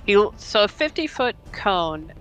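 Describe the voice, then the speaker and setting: A man's voice: high voice, big pitch swings, a little slow, a bit bright, clear, resonant tone, rough recording. A man chatting casually as a player in a tabletop game.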